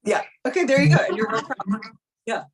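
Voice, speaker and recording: A woman's voice: high voice, animated, a little fast. A woman in her thirties, a life coach talking frankly and casually on a live coaching call, full of "like" and the odd swear word.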